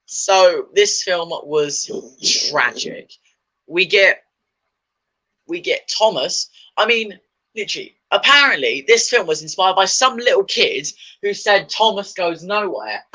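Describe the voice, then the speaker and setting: A man's voice: sits high, expressive, slow, pushed and bright, rough recording. A man chatting casually about his opinions, rambling and enthusiastic, with many fillers and restarts. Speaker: video host.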